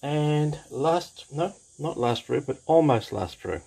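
A man talks slowly and unhurriedly through a scale model kit, speaking from behind an overhead camera at his hobby desk. He is casual and enthusiastic, often repeating his praise and pausing with small fillers. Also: a little high, lively intonation, vocal fry, warm tone, slightly rough, low-quality recording. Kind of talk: casual kit review, unscripted.

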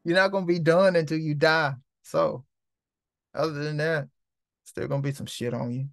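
A man's voice: fairly high pitch, steady tone, normal speed, gravelly, no echo, clean studio sound. A man hosting a casual spiritual talk, rambling and profane, heavy on street slang. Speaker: host.

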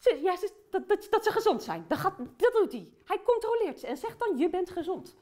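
A woman's voice: extremely high pitch, very animated, fairly quick, warm tone. A woman playing a cheerful, chatty aunt who tells a Bible story to children and talks to them directly.

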